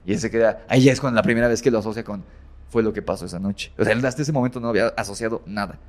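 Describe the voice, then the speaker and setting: A man's voice: lowish voice, racing, a little mellow. Rambling man retelling a spooky story. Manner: rambling, many fillers and self-corrections. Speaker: storyteller guest. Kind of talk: casual retelling of a horror story.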